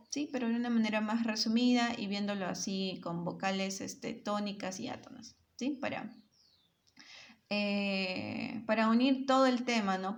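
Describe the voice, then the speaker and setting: A woman teacher giving a grammar lesson to children, often checking in with short tag questions and sounding words out syllable by syllable. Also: a little high.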